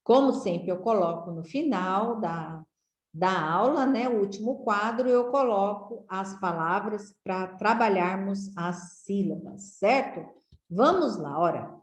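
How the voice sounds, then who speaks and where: A woman teaching children to read, sounding out letters and syllables slowly and checking in with "né?" and "certo?". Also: mid-range voice, lively intonation, echoey room. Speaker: literacy teacher. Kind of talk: slow, syllable-by-syllable reading lesson for children.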